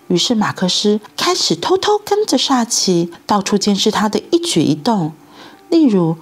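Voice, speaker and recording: Woman storyteller, Taiwanese Mandarin accent, sing-song children's reading with wide pitch swings. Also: husky. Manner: animated, speaking to children.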